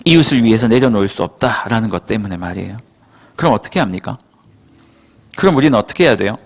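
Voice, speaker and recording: A male pastor preaching to young adults, telling stories in an animated way and acting out quotes. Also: lowish voice, quick pace. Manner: animated storytelling, acts out quotes. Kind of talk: sermon to a young adult congregation.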